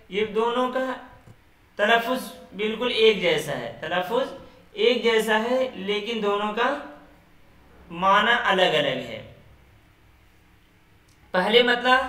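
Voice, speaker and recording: A man teaching Urdu poetry in an online class, explaining slowly, repeating terms and quizzing students by name. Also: sits high, pushed and bright, roomy sound, distant mic, poor audio. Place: room at home, online class.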